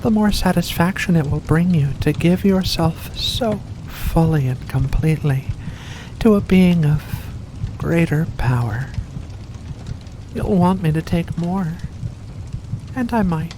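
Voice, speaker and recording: An ASMR performer voices a seductive vampire in an ASMR roleplay monologue, speaking very slowly and deliberately at a medium, near-everyday pitch. Her expressive delivery is intimate and predatory, purring with hypnotic menace as though coaxing prey. A clear wash of rain-like noise sits behind her.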